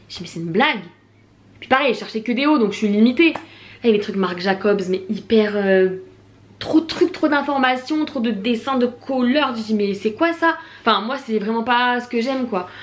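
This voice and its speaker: A young woman with a French accent chatting casually in a shopping haul vlog, full of slang, fillers and lively asides. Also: on the high side. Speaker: vlogger.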